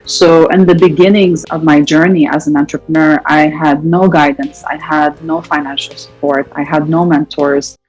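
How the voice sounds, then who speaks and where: A woman from Lebanon, in her thirties, answering interview questions in long, measured, articulate sentences. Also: sits low, steady tone, darkish tone, soft background music, low-quality recording. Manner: articulate, measured, speaks in long listed phrases. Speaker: interview guest, entrepreneur.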